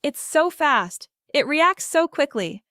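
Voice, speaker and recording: A woman voicing a bold, impulsive teenage girl who shouts her lines. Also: very high voice, slow, dry recording, clean studio sound, voice pushed up, heavily acted. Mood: shouting.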